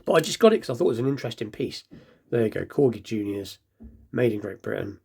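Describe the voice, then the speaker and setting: A man's voice: fairly low pitch, lively intonation, fast, creaky, a little mellow, breathy edge. A man hosting a casual collector's show-and-tell, rambling and understated, lisping slightly as if he has just bitten his tongue. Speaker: host of a diecast toy collecting show.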